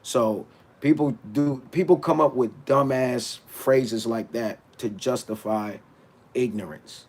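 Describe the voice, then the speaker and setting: Slow-paced and darkish with a breathy edge, this man's mid-range voice carries a casual livestream rant. As a battle rapper, he answers his chat bluntly and animatedly, restarting his words and talking back.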